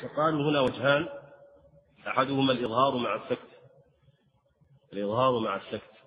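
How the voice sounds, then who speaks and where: A man teaching the rules of Quran recitation, explaining at a measured pace and breaking into slow, melodic recited examples. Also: mid-range voice, long reverb tail. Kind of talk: tajweed lesson with chanted examples. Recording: slightly dull lo-fi sound.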